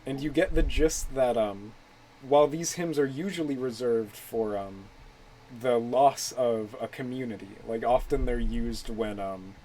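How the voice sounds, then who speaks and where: A man in the middle of his range narrates a tabletop game as its game master. He talks in a relaxed, halting way with plenty of fillers, over a faint background hiss. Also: mid-range voice, poor audio. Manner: relaxed, hesitant with many fillers.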